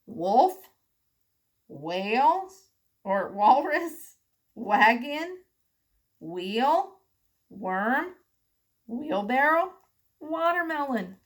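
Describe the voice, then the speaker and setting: This preschool teacher's voice is fairly high, with big pitch swings, as she reads the alphabet aloud to children. She speaks in simple, deliberate, sing-song phrases and poses questions.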